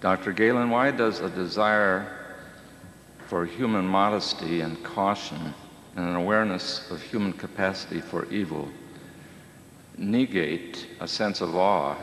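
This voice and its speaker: A man's voice: low-pitched, a little slow, fairly bright tone. A man moderating a conference Q&A, reading audience questions hesitantly with many fillers. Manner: hesitant, frequent um and uh. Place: lecture hall. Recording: echoey hall with faint noise.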